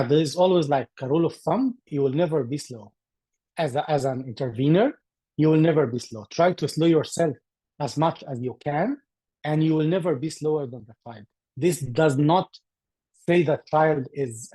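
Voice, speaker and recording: A man from Egypt speaks over a video call in a husky, mellow voice, a little higher than most men. He explains his teaching approach earnestly, in careful, slightly phrasing. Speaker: guest presenter on deafblind education. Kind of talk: online group discussion.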